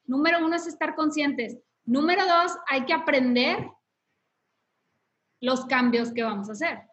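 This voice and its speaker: Woman, high voice, instructive podcast talk, tag questions, dull recording. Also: a little slow, fairly bright tone. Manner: instructive, lists steps, frequent tag questions. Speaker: podcast host. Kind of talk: casual faith podcast conversation.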